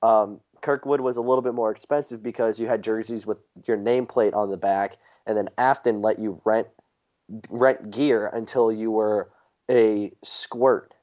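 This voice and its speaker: A man's voice: on the low side, steady tone, moderate pace, a little mellow. A young man from the St. Louis area, co-hosting a podcast and telling long, rambling stories full of fillers. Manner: rambling storyteller with frequent fillers. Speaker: podcast co-host. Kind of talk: casual chat. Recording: dull lo-fi podcast audio.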